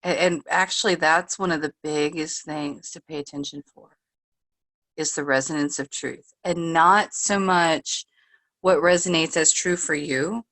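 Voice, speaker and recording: A woman co-hosting a podcast, speaking in a thoughtful, affirming way with soft laughs and fillers. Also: low-pitched, fairly even intonation, a little slow, no echo. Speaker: podcast co-host, healer. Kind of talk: casual spiritual conversation.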